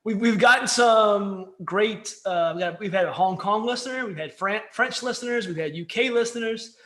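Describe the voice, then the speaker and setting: Sitting high in pitch and a bit bright, this co-host talks at a moderate pace during a podcast chat over beers. The exchange is loose and jokey, forever cutting itself off. There's a roomy echo in the audio.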